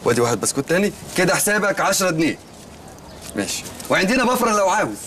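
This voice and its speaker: A man's voice: high-pitched, very animated, racing, fairly bright tone, a little hiss or hum. An actor playing a naive, earnest male shopkeeper in a comedy film, speaking with an Egyptian accent and telling rambling, literal-minded stories. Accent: Egyptian Arabic.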